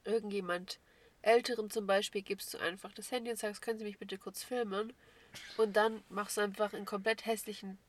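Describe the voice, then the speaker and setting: A woman's voice: mid-range voice, brisk. A woman co-hosting a podcast, telling her own stories in casual chat and acting out what she was thinking. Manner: animated storyteller, acts out her own thoughts. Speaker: podcast co-host.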